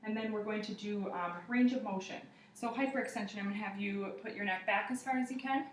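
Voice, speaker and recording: Speaking fast in a mid-range voice, a young adult woman demonstrates a clinical exam aloud, narrating each finding to a patient and observer as a student would. The recording is from a camera mic across an indoor living room, roomy and distant with faint noise.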